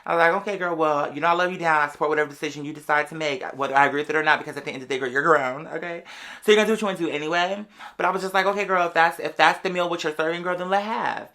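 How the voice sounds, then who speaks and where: A sassy, lively host recounts something that happened to her, speaking to the audience in a mid-range voice. Slang runs throughout, words get dragged out for effect, and she keeps addressing everyone as "girl."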